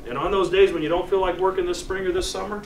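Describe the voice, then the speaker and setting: Give me an American male coach with a higher-pitched voice, delivering an earnest locker room pep speech over loud noise. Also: steady tone. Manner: earnest, deliberate, with pauses for emphasis. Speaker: college sports team coach. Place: locker room, heard from a distance. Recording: echoey distant room recording with loud noise.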